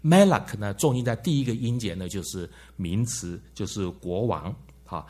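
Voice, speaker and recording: Brief: male Bible teacher, somewhat low and husky, lecturing a class with many questions. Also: moderate pace, dark tone. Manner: frequent "ha" tag words and questions to the class.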